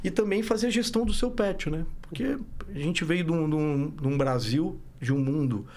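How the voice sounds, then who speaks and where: Here a man speaks at a moderate pace, his fairly high pitch paired with a darkish tone. A startup founder from Brazil with a Minas Gerais accent, he was born in Rio and grew up in Belo Horizonte. On the podcast he's casual and meandering, frequently restarting, correcting himself and leaning on "né?".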